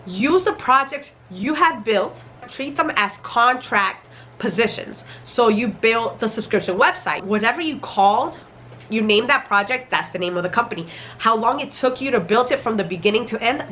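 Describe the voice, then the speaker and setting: A woman's voice: medium pitch, pushed and bright. Slightly congested woman over background noise. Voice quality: slightly muffled, congested from a cold. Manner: casual, step-by-step explaining. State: recovering from a cold. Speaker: software engineering YouTuber. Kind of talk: instructional talk to camera.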